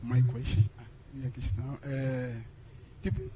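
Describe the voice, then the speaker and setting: A man's voice: mid-range voice, level tone, a little slow, a crowd in the background, low-quality recording. A young man from Angola with an Angolan Portuguese accent, an exchange student casually asking a question at a lecture, tagging with "né" and slipping into English. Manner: casual, chatty, tags with "né" and switches into English.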